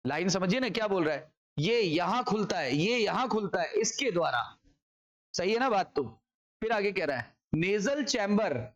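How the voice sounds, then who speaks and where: Indian man, high voice, energetic coaching-class biology lecturer, slightly muffled recording. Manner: energetic, asks and answers his own questions. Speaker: biology teacher.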